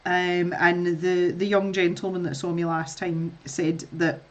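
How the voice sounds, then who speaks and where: A woman's voice: on the low side, little pitch movement, a little slow. A middle-aged woman with a Scottish accent chatting casually to viewers while she colours, rambling and laughing often. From Scotland. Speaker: art streamer.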